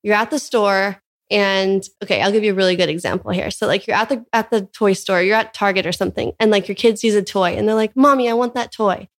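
A young mother from California speaks quickly and earnestly in a relaxed interview. Her voice sits at an ordinary middle pitch, and she fills her sentences with "like" as she thinks aloud. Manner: earnest, filler-heavy with frequent "like". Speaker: guest, mother of young children. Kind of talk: casual conversation.

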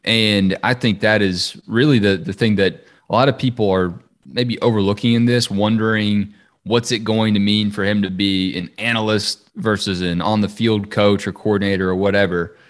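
A man's voice: on the low side, fairly even intonation, moderate pace. A man co-hosting a sports podcast, talking football in a chatty, upbeat, casual way.

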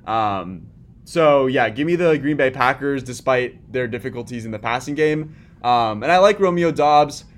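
Mid-pitched man leading a sports chat. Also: expressive, moderate pace. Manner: leads the segments, talks with many fillers and restarts. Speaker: podcast co-host.

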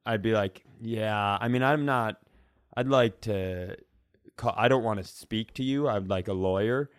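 A male comedy podcast co-host rambles through stories and casual comic banter, swearing freely. His lowish voice is smooth and measured, with clean, echo-free studio quality.

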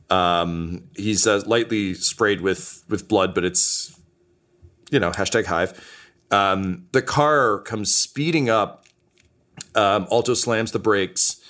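A man narrating a tabletop game as game master, relaxed and full of fillers. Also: lowish voice.

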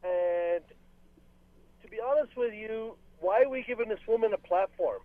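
The caller, a man from Lebanon, has a high voice and a moderate pace, heard through a dull phone line. Earnest throughout the radio talk show, he keeps cutting across the host and starting over again and again.

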